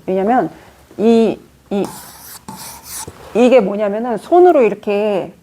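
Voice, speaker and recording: A woman teaching a class on fortune-telling in an informal lecture, telling lively stories with acted-out quotes and asking her students questions. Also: medium pitch. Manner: chatty, poses questions to the class. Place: lecture room.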